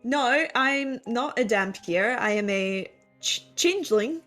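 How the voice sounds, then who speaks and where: A woman's voice: a little high, expressive, slow, fairly bright tone, faint music behind. A woman playing a tabletop game, explaining her character in a hesitant, rambling way. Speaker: player. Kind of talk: casual tabletop chat.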